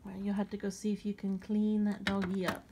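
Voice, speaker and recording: A woman's voice: mid-range voice, completely flat delivery, brisk, noisy background. A woman casually chatting off camera, prompting her daughter with easygoing questions during a home video. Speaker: parent filming her daughter's toy haul.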